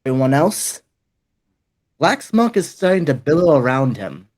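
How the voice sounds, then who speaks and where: A man running a tabletop role-playing game as dungeon master, narrating at an unhurried pace. His pitch rises and falls a lot as he describes the scene, and he pauses on fillers between phrases. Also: very animated, a little mellow.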